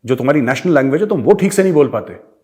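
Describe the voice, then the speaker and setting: An Indian man in middle age, speaking with an Indian accent, holds forth as the host of his own commentary show. His delivery is forceful and rhetorical, full of repeated challenges and pointed questions, in a voice of ordinary middle pitch. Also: animated, rapid-fire. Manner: forceful, rhetorical, switching between English and Hindi. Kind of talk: opinionated monologue to camera.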